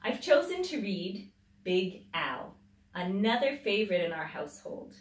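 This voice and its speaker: A female teacher hosting children's storytime reads a picture book aloud, dramatic and highly expressive, unhurried, with emphatic drawn-out words. She's in a small indoor library room with a tiled floor, caught by a camera a few metres away, so the sound is distant with a roomy echo.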